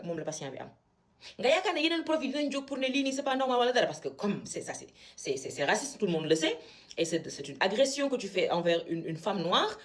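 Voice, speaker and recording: A young woman from Senegal, a medical student, telling a story casually and with indignation, switching between French and Wolof. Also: mid-range voice. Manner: animated, indignant retelling.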